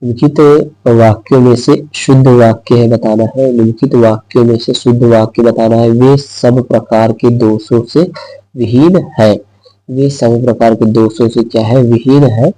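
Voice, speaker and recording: A man's voice: mid-range voice, fairly even intonation, unhurried, dark tone, no room sound, poor audio. A man teaching an exam-prep lesson who repeats each word and answer aloud and explains step by step.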